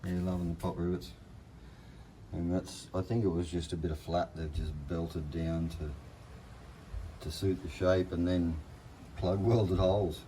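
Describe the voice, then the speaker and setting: A man's voice: deep voice, fairly even intonation, a little slow, warm tone, slight background noise, poor audio. A man with a broad Australian accent giving laconic, slangy, off-the-cuff commentary in a casual workshop vlog. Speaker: hobby car restorer presenting progress videos.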